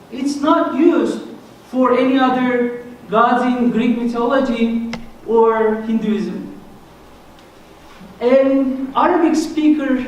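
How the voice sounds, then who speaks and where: A man from Turkey with a thick Turkish accent, giving an earnest, explanatory presentation to a church audience, with small touches of self-deprecating humor. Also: extremely high pitch. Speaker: guest speaker. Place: church hall. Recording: echoey hall, mic from a distance, faint noise.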